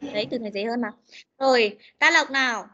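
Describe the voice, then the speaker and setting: A young woman teacher runs an online pronunciation drill. Her voice is bright and fairly high, and she corrects and repeats words slowly and patiently. It sounds like a video call mic. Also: lo-fi sound. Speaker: English teacher.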